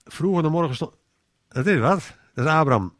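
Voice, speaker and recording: A man's voice: on the high side, expressive, a little fast, a bit bright, no echo, clean studio sound. A man giving an informal sermon in a conversational way, often restarting his sentences and acting out inner voices. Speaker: preacher.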